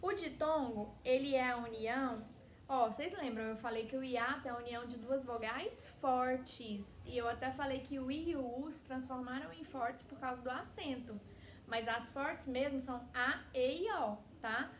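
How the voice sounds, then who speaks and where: A woman teaching a class in a chatty way, constantly tagging her sentences with a questioning "né", and drawing words out slowly when she spells them. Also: high voice. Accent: Brazilian Portuguese. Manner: chatty, constantly tags phrases with "né?". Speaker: Spanish teacher. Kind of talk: recorded online class. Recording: echoey room with faint noise.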